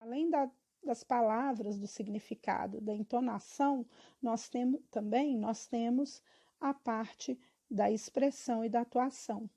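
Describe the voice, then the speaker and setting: A woman's voice: a little high, measured pace, mellow. A girl of about twelve, reading school questions and her answers aloud, evenly and with small stumbles. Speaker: student.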